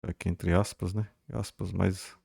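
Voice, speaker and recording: A man with a Brazilian accent teaching a grammar lesson at a board, pointing things out, repeating key words slowly and checking in with the class. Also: deep voice, little pitch movement, vocal fry, a little mellow, husky, dry recording, clean studio sound.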